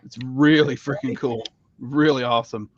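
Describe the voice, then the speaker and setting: A man joins the casual chat with dry teasing remarks and frequent restarts. His voice sits at a middle pitch, and the recording has a dull, muffled lo-fi tone. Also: fairly even intonation, moderate pace, noisy background. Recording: dull lo-fi sound.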